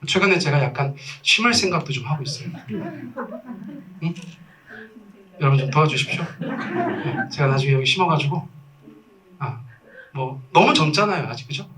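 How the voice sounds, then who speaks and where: A man in his forties preaching a sermon as pastor, telling stories with animated, self-mocking humor and acted quotes. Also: on the high side, normal speed, long pauses, far from the mic, a crowd in the background. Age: 40s. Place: church sanctuary.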